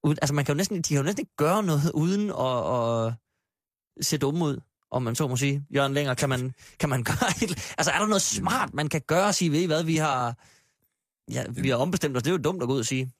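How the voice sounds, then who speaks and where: A man's voice: fairly high pitch, no echo, clean studio sound. A man hosting a political panel discussion, asking probing questions and acting out imagined statements. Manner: probing, acts out imagined quotes. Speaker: host.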